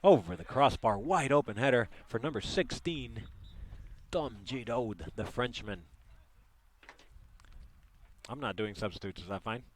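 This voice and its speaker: A man's voice: mid-range voice, unhurried, long pauses, fairly bright tone, a little hiss or hum. Chatty partisan male sports commentator. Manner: chatty, partisan, jokes with listeners. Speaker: play-by-play commentator.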